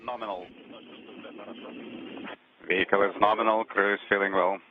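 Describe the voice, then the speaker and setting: A man's voice: fairly low pitch, flat delivery, moderate pace, no room sound. A man giving terse, clipped status reports as a mission control communicator over a breaking-up space radio link. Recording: tinny radio comms channel.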